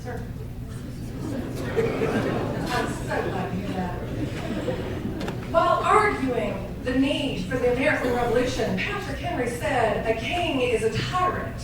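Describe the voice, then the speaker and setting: Woman with a put-on Southern drawl. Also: fairly high pitch. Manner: affected Southern aristocratic drawl, lecturing. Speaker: town hall attendee asking a question. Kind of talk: formal speech at a public meeting. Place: large public meeting room. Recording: echoey hall from far off, loud background noise.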